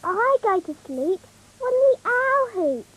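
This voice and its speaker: A woman's voice: extremely high pitch, big pitch swings, takes it slowly, a bit bright, exaggerated voice, low-quality recording. A woman voicing a sweet, eager little fairy princess in a children's cartoon, curious and childlike, with a British accent. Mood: proud, happy. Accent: British English. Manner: curious, childlike, wide-eyed.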